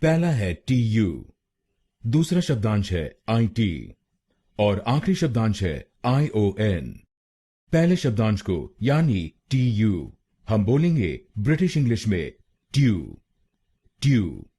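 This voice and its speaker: Male Indian pronunciation tutor, lively pitch, drills words syllable by syllable. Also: slightly rough. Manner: slow, deliberate, repeating words syllable by syllable. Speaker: pronunciation teacher. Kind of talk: Hindi pronunciation lesson.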